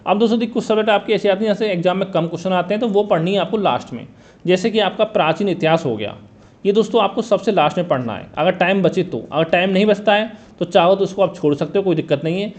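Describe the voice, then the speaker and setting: A man coaching exam candidates in Hindi, briskly setting out a study plan and often checking in with "theek hai" and "dosto". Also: high voice. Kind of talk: exam strategy talk.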